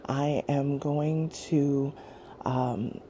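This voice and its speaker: A woman hosting her podcast in a soft, quiet voice, slipping into whispers while she eats breakfast. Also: steady tone, very slow, slight background noise. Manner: low, quiet voice that drops into whispers; eating breakfast while talking. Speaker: podcast host. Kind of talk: soft-spoken casual chat.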